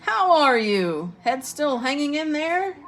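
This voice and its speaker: A boisterous headless horseman ghost, voiced by a woman reading a storybook. He roars his greetings and teases heartily, and his voice shoots up high when he shouts. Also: big pitch swings, measured pace. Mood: hearty. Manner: loud, hearty, teasing.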